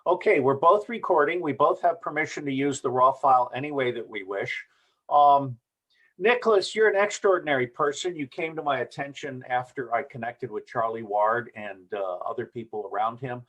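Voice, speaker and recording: A man's voice: mid-range voice, normal speed, fairly bright tone. An older man interviewing a guest over a remote call, asking direct questions and steering the conversation.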